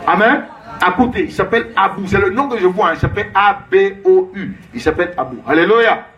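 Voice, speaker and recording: A man's voice: high voice, a little fast, a bit bright, highs cut off. A man preaching as a prophet, emphatic and repetitive, calling out names and Alléluia in call-and-response.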